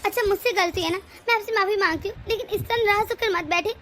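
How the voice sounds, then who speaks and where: A woman's voice: very high-pitched, fast talker, a bit bright, a little hiss or hum. A woman voicing a browbeaten middle-aged wife in a cartoon story, complaining and pleading. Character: browbeaten middle-aged wife, long-suffering daughter-in-law. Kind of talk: cartoon voice acting.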